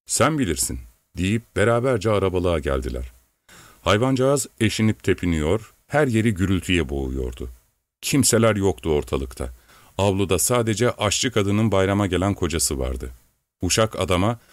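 Deep-voiced man reading an audiobook. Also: dry recording. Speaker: narrator.

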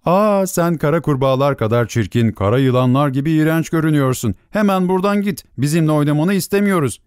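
A gang of fairy-tale children taunting an outcast, their voice pitched up, fast and jeering, as a male narrator puts them on. The sound is dry and close. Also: expressive, a little mellow, clean tone, no echo, natural voice. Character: mocking group of children.

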